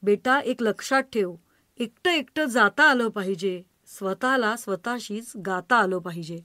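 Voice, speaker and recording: Woman voicing a playful old grandfather, rhyming jokes, slow, dry close sound. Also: mid-range voice, bright, forceful tone, no echo. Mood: fond. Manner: jokey, rhyming banter.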